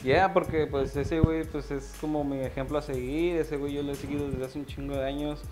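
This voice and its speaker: Young man, rapper guest, slangy laid-back talk, flat low-key delivery, faint music underneath. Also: fairly quick. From Mexico. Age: 20s. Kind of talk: casual interview. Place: small music studio, indoors. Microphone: handheld mic.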